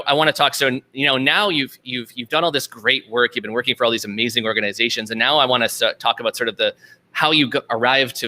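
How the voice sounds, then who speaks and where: Guy hosting a podcast, super sharp bright voice, mid pitch, gushes over his guest. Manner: effusive, admiring questions. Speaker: podcast host. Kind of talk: podcast interview.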